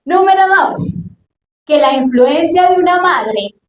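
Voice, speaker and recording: High-voiced woman preaching, echoey church. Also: a little slow, slight background noise. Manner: emphatic, lively storytelling. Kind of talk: sermon.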